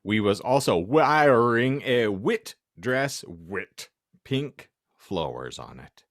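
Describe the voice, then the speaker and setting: A comedy podcast host reads fan fiction aloud, theatrically performing its misspelled text amid jokey, sweary banter. His medium-pitched voice swings widely in pitch and moves slowly, recorded in clean studio sound without echo.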